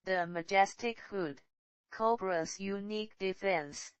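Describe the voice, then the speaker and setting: A woman reads scripted nature documentary titles in deliberate, dramatic short phrases. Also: medium pitch, smooth, dry recording.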